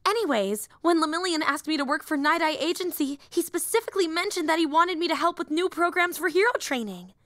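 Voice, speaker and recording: Acting in an anime-style roleplay audio drama, a woman voices an eager young superhero with a high pitch, talking fairly quickly with few pauses. The character rambles in a nerdy, earnest, enthusiastic way, getting flustered, saying sorry, and breaking off mid-thought. The audio is close and dry, without room sound.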